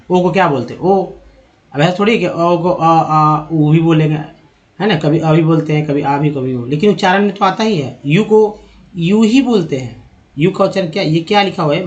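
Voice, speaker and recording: A man teaching English pronunciation in a spoken lesson, spelling words out letter by letter and checking in with his viewers. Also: a little high. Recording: dull lo-fi recording.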